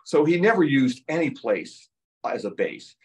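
A man's voice: a little high, unhurried. A man in his sixties giving a museum history lecture, telling stories and acting out quotes in playful voices. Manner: lively storytelling, acts out quotes in playful voices. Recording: voice heard from a distance.

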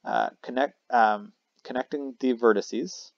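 A man talks through a math lesson in a relaxed, conversational way, pausing with fillers and fixing his own wording as he goes. His voice has a gravelly, creaky edge at a middling pitch. The recording is dry and a little dull, as from a modest lo-fi microphone. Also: no room sound. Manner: casual, self-correcting explanation with fillers. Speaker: math teacher. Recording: dry, slightly dull lo-fi mic.

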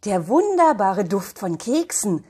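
A woman doing a gentle storybook mother. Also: mid-range voice, big pitch swings, unhurried, breathy edge. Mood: tender. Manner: warm soothing explaining tone. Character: gentle loving young mother.

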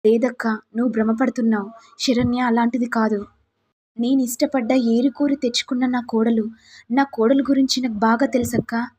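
A woman's voice: fairly high pitch, fairly even intonation, moderate pace, darkish tone, slightly rough. A woman voicing a middle-aged mother-in-law who earnestly defends her daughter-in-law, in a retold family serial. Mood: firm.

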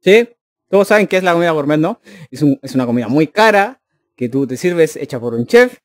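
A man's voice: a little high, expressive, fairly quick, dry recording. A man, a streamer joking and chatting casually with his live chat. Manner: joking, teasing, addressing chat directly.

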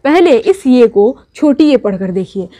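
A woman's voice: on the high side, big pitch swings, measured pace, warm tone. A young woman, teaching an online language lesson, patiently repeating each step and asking rhetorical questions. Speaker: Urdu teacher.

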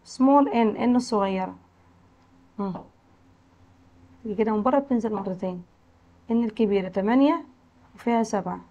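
A woman with an Egyptian accent teaching English to young children, slowly modelling words and letter sounds. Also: mid-range voice, muffled recording, slight background noise. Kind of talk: classroom lesson explanation.

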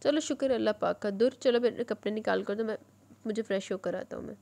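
A woman's voice: mid-range voice, vocal fry, mellow, lightly acted. A woman voicing a confident, playful young husband who teases his wife in an audiobook reading. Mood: easygoing. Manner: teasing, assured.

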